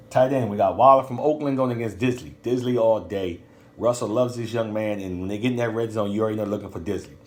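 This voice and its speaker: A man's voice: fairly low pitch, darkish tone. A man hosting a podcast, giving casual fantasy football predictions in loose slang and thinking aloud with ums and uhs. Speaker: podcast host.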